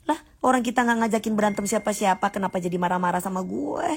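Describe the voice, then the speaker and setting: A woman's voice: medium pitch, fast talker, gravelly, breathy edge. A woman, ranting casually and mockingly to viewers on a livestream. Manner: sassy, combative, mocking. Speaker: livestream host.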